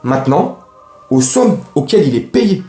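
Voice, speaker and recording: A man's voice: a little high, sing-song, normal speed, dark tone, reverberant, soft background music. A man hosting a casual football fan vlog, ranting in slangy, rambling speech. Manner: slangy, heated, rambling with restarts.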